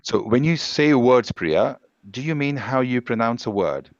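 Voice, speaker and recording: Brief: male pronunciation teacher, lively pitch, dry and dull call audio. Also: no room sound. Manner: patient, explains slowly with examples. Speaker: English pronunciation trainer. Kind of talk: online class teaching.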